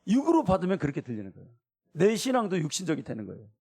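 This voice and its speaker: A man's voice: high-pitched, wildly swooping pitch, rapid-fire, vocal fry, darkish tone, slightly rough. A middle-aged man preaching a sermon as pastor, acting out everyday quotes in different voices.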